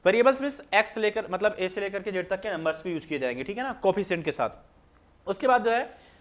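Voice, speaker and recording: A man. He keeps asking the class questions and answering them himself, repeating each point in a patient, drawn-out way. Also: high-pitched, lively intonation. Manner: repetitive, asks students questions then answers them. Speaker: maths teacher. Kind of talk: classroom lecture explaining on screen.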